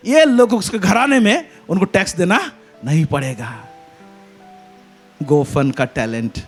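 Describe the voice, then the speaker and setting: A man preaches a church sermon in a high, animated voice that leaps and falls. He breaks into loud emphatic calls and hallelujahs, with faint music playing beneath. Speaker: pastor. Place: church service.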